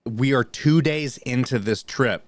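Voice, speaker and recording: A man of middle pitch who co-hosts a podcast and rambles through stories with plenty of swearing. He often restarts his sentences and leans on fillers. His voice sounds dry and close, with no room around it. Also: a little slow, no room sound. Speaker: podcast co-host. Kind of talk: casual storytelling chat, then reading news items.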